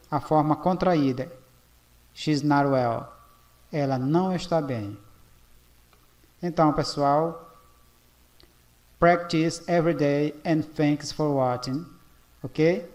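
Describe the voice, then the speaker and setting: A man from Brazil teaching English grammar at a board in a slow, explanatory way, often checking in with "ok?". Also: a little high.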